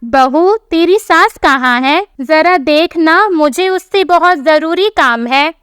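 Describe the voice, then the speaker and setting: A woman's voice: very high-pitched, expressive, slow pace, a bit bright, no echo, clean studio sound, heavily acted. A woman voicing an anxious, pushy older neighbor who speaks urgently and bossily in a storybook telling. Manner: urgent, bossy.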